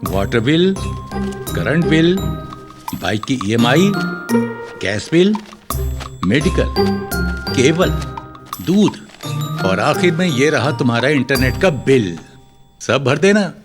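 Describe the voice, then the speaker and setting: A man's voice: mid-range voice, very animated, slow pace, long pauses. A man dubbing a humble, polite middle-aged father who starts college. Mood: bossy. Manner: polite, eager. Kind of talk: Hindi film dub. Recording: dubbed film with music underneath.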